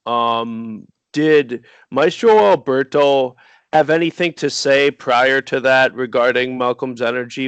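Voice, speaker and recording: A man hosting a podcast, asking a question in a measured, careful way. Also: mid-range voice, clean tone, dry recording, poor audio. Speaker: podcast host. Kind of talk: interview questions.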